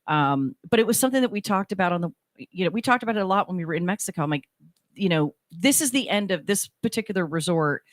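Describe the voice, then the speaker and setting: On a radio talk show, a middle-aged female co-host chats casually, rambling through stories and repeatedly cutting herself off to start sentences over. She speaks quickly in a lowish voice with lively intonation. The studio microphone captures her with no echo.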